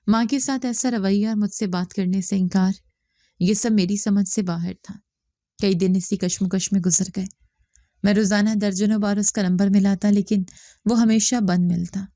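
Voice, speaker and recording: A woman reading a scripted story narration in a steady, even manner. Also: mid-range voice, no echo, studio quality.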